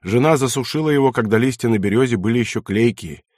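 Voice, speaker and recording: A man's voice: medium pitch, fast talker, a little mellow, dry recording, lightly acted. A middle-aged estate manager, voiced by a male narrator, respectful and ready to serve. His replies stay polite and plain. The sound is dry and close. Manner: respectful and obliging.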